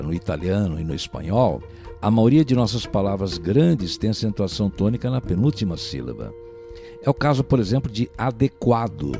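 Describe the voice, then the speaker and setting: A language teacher with a Brazilian Portuguese accent and a mellow voice on the low side gives a recorded lesson. He's patient and explanatory, often checking in with the listener by asking "né?".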